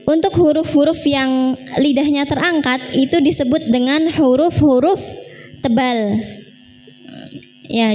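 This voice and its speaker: High-voiced woman teaching Quran recitation. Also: darkish tone, rough recording. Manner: patient, demonstrates sounds slowly and corrects students. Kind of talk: live tajwid class.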